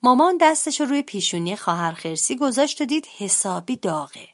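A woman reading a children's storybook aloud as narrator, in an expressive, lively way. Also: fairly high pitch. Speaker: translator and storybook reader.

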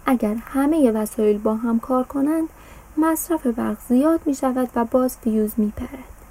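A woman voicing a kind, patient father in a children's story, explaining things calmly and slowly. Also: a little high, poor audio.

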